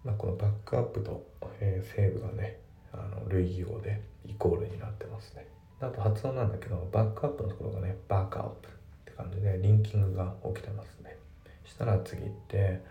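A male English teacher explaining grammar and pronunciation step by step, reading example sentences slowly. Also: low-pitched, gravelly, highs cut off, a little hiss or hum. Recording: echoey room, distant mic.

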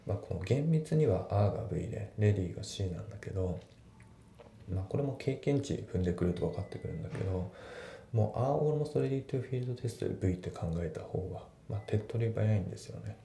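A man teaching English grammar in a casual, relaxed way, with many fillers, slowing down to read the English example sentences. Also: gravelly. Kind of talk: casual spoken lesson. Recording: echoey room with faint rumble.

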